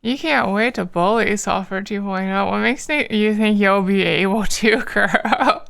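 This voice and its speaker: Woman, streamer, tired, casual chat while drawing, unhurried, fry in the voice. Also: mid-range voice. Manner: rambling, many fillers, soft laughs.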